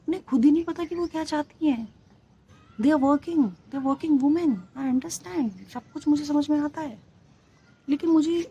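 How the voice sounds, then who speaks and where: Woman, 30s, emphatic frustrated vlogger, slightly high and mellow. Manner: exasperated, emphatic, mixing English into Hindi. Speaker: vlogger, former flight attendant. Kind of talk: candid personal vlog monologue.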